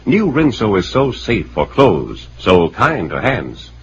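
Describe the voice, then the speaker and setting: An American man giving an emphatic scripted sales pitch as an old-time radio commercial announcer. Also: wildly swooping pitch, slow pace. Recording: dull, noisy vintage radio recording.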